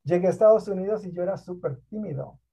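High, gravelly man from Mexico. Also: quick pace. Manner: animated, emphatic storyteller who mixes in English words. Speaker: guest, school district program director. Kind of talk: conversational interview storytelling. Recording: dull lo-fi online call audio.

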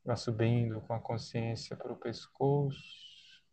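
A man with a Brazilian accent leading a guided body-scan relaxation in a soothing, unhurried way, leaving long pauses between short phrases. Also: mid-range voice, fairly even intonation, mellow, dry recording. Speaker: guided meditation leader.

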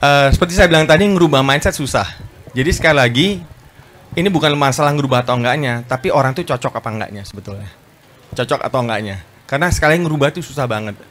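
Fast, animated man speaking at a book talk. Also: mid-range voice, slight background noise. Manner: animated, fast, acts out quoted voices, often adds "Pak". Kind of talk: lively public talk to an audience. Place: bookstore event space.

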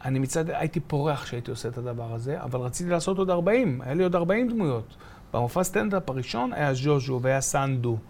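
A man's voice: mid-range voice, a little hiss or hum. A middle-aged man from Be'er Sheva, a comedian telling stories as a guest in a casual interview and acting out voices and sounds. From Israel, from Be'er Sheva. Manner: animated, acts out voices and sounds.

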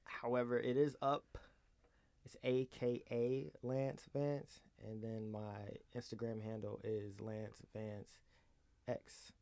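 A young man co-hosting a podcast in laid-back, measured casual chat. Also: mid-range voice, little pitch movement, gravelly, mellow. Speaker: podcast co-host.

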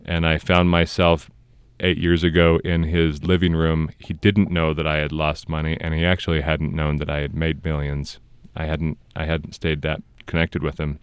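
A man's voice: a bass voice, little pitch movement, moderate pace, smooth, no room sound. A man in his thirties hosting a casual podcast, telling stories in an earnest way. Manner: earnest storytelling. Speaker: podcast host.

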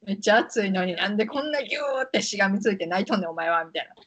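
A woman with a Kansai accent co-hosting a casual podcast chat, telling stories in an expressive, emphatic way with lots of giggles. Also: mid-range voice, rapid-fire, slightly rough. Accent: Kansai Japanese. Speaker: podcast co-host.

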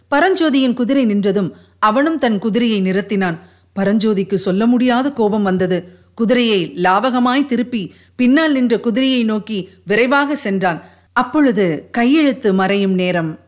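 A woman's voice: a little high, normal speed. Woman reading a historical tale aloud. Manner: steady, expressive reading. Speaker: audiobook narrator. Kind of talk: storybook narration of a historical novel.

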